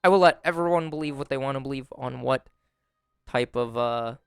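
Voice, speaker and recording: A young man giving relaxed, wry commentary on a strategy game simulation, with frequent fillers, recorded close on a desk mic at home. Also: medium pitch, brisk, creaky, clean tone, dry recording. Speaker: gaming YouTuber. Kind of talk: casual gameplay commentary. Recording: dry close voice over faint music. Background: faint background music.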